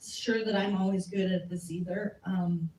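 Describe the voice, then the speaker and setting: An American woman leads a casual civics Q&A at a community talk, answering audience questions candidly, chattily, and with self-deprecating humor. Her voice is lowish, fairly even, mellow, and at normal speed. The community meeting room sounds echoey, recorded from a distance with faint noise.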